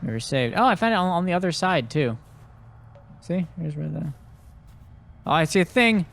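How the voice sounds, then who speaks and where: A man's voice: fairly high pitch, animated, normal speed, creaky, fairly bright tone. Chatty young man playing a game. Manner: chatty, swears freely, reads game notes aloud in put-on accents. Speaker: let's play host. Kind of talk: casual gameplay commentary. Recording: faint background noise.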